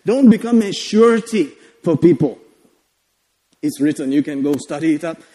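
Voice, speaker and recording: A man's voice: on the high side, animated, moderate pace, warm tone. A man with a Malayali Indian English accent preaching a sermon in a conversational, joking, exhorting manner, often calling for amens. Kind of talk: sermon to a congregation, exclamatory call-outs. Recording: echoey hall with long reverb.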